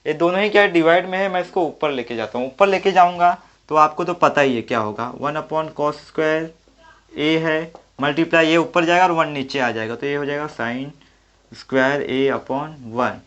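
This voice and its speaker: A man's voice: on the high side, normal speed, a bit bright. A man teaching a maths lesson at the board, thinking aloud and answering his own questions step by step. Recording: dull lo-fi audio.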